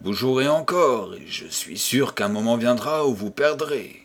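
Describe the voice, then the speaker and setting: A man reading an audiobook and voicing a tormented old gambler who swings from hushed whispers to furious outbursts. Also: medium pitch, expressive, a little slow. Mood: indignant. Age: older. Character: raving old male gambler haunted by the devil.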